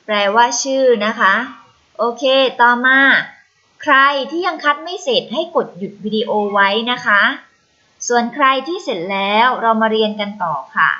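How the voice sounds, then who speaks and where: A woman with a Thai accent teaching a children's Chinese lesson for video, patiently repeating words slowly for pupils to copy. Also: fairly high pitch, very animated, sharp tone. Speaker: primary school Chinese teacher. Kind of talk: recorded online lesson. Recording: slightly dull lo-fi recording.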